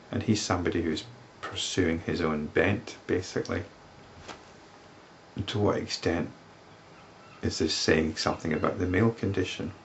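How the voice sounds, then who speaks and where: A man's voice: deep voice, slight background noise. A man reading a spiritual text aloud and adding reflective, thoughtful commentary as a teacher.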